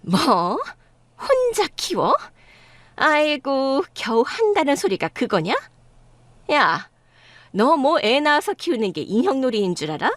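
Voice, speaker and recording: A woman's voice: fairly high pitch, big pitch swings, normal speed, no echo. A woman voicing a scornful, domineering middle-aged mother-in-law in a dramatized story. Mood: sneering. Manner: sneering, scolding.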